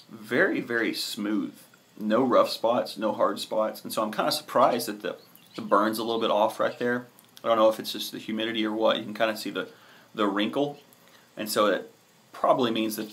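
A man in his thirties giving a casual, hesitant, relaxed review to camera as a host, with frequent pauses. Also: lowish voice. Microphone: camera at arm's length.

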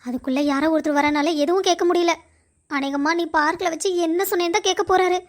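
Woman doing a worried college girl, cartoon story, very high voice, fretful inner talk. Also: fast. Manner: fretful inner monologue, rambling. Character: anxious young woman college student.

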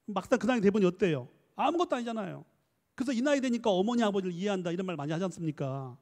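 A man giving a lively church lecture on counseling, coaxing the audience to read aloud and answer, switching between polite and casual speech. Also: sits high, in a large hall. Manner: mixes polite and casual speech, quick asides. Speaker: professor leading a church training lecture.

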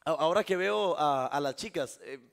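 A man's voice: fairly high pitch, lively intonation, normal speed, vocal fry. A Costa Rican man performing a live magic trick on stage, joking with a volunteer and the crowd. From Costa Rica. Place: live event before an audience.

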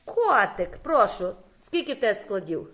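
A woman teaching a classroom of young children, questioning quickly and praising often. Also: medium pitch, big pitch swings, fairly bright tone. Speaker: primary school teacher.

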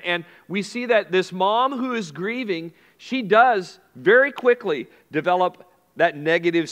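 With a high-sitting, fairly bright voice, a pastor gives a conversational sermon, circling back to key phrases and asking the congregation questions. The sanctuary adds a long reverb.

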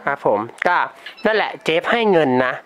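A man's voice: high voice, lively intonation, brisk, fairly bright tone. A teenage boy talking casually and chattily in a prank vlog, laughing often and using slang. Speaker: YouTuber prank caller. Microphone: desktop computer mic.

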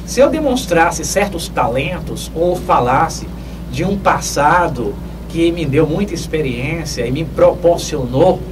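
An older man from Northeast Brazil hosts a radio advice show, answering listener questions in a measured, lecturing way with emphatic rises; his voice is on the high side with lively intonation. He's in a small, dark radio studio, picked up from a distance by a boom-mounted studio mic, with clear background noise.

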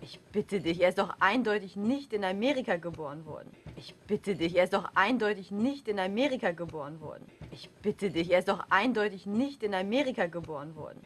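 A woman's voice: medium pitch, lively intonation, fairly quick, few pauses, close to an everyday voice. An actress playing an elegant woman at a tavern card table who answers in a dismissive, amused way.

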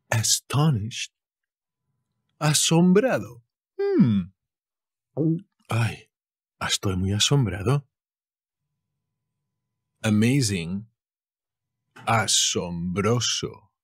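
A man's voice: on the low side, breathy edge, no room sound, clean studio sound. A man from Spain with a Spanish accent, teaching vocabulary by saying each word and then acting out short, playful example sentences.

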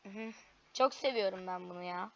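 A woman commentating her own gameplay, excitable, with frequent frustrated cries and cheers. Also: mid-range voice, fairly quick, muffled recording, slight background noise. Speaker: gaming video creator.

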